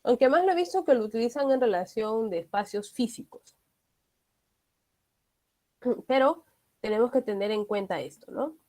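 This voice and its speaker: A woman's voice: fairly high pitch, animated, normal speed, long pauses, dark tone. A woman teaching an English grammar lesson, explaining patiently and checking understanding with frequent tag questions.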